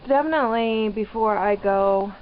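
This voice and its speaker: A woman giving rambling, hesitant, casual vlog commentary from inside a small trailer, pausing mid-sentence. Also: mid-range voice. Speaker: vlogger living off grid in a trailer. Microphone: handheld camera microphone. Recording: dull lo-fi camera audio, background noise.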